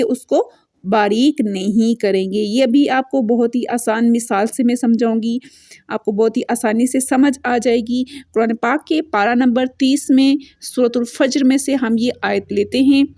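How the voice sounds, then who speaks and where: Patient and repetitive, a fairly high-voiced woman with a slightly dark tone walks through the rules of Quran recitation one step at a time. When she reaches an example verse, she chants it very slowly and draws it out. No room sound is audible in this close, dry recording.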